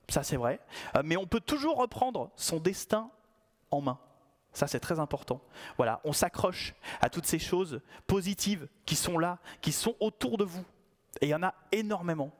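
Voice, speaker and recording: Guy on stage doing a conference talk, kinda high voice, jokey and ironic. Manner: playful, ironic, conversational. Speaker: conference speaker.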